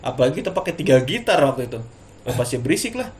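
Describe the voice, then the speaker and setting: A man, chatting casually about a haunted rental and quizzing his guest in fast slangy talk. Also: medium pitch, a little hiss or hum. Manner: fast, slangy Jakarta street talk, lively asides. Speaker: interviewer. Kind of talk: casual storytelling chat. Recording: echoey room with music underneath.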